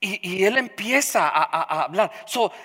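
A preacher delivering an emphatic sermon, repeating phrases and swinging between loud declarations and hushed asides. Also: medium pitch, animated, normal speed, slightly rough. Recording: long hall reverb.

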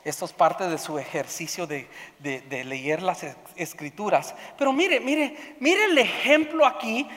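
A pastor preaching a sermon, swinging from loud emphatic bursts to hushed low passages, often repeating words as he searches for the next thought. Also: expressive, unhurried, few pauses. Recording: long reverb of a large hall.

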